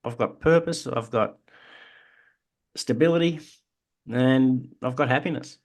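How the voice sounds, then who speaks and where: A man's voice: mid-range voice, measured pace. An Australian man, podcast co-host, telling his own story in an earnest, reflective way. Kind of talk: casual chat.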